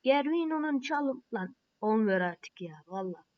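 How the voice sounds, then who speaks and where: Excitable woman gamer, lo-fi sound. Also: fairly high pitch, normal speed, a little hiss or hum. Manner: excitable, frustrated outbursts, play-by-play calls. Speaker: mobile game player. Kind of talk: playing and commenting on a mobile football game.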